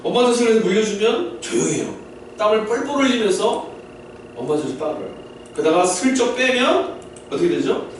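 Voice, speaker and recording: Man, pastor, sermon, high voice, heavy church echo, distant mic. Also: very animated, normal speed, slight background noise. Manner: explains warmly to a mixed-age congregation, asks the room questions. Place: church sanctuary. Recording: very echoey hall, distant mic.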